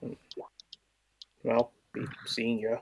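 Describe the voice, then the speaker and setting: A man chats casually as a player in a tabletop game. His mid-pitched voice is gravelly and unhurried, with hesitant hums and long pauses. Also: monotone, a little hiss or hum. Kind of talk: casual in-character game chat.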